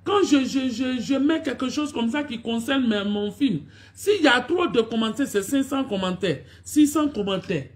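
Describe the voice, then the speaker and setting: A woman's voice: on the high side, lively intonation, normal speed, few pauses. A woman talks on a phone live stream, greeting her followers over and over and scolding them for not showing up. She sounds repetitive and reproachful. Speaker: online video personality hosting a live stream.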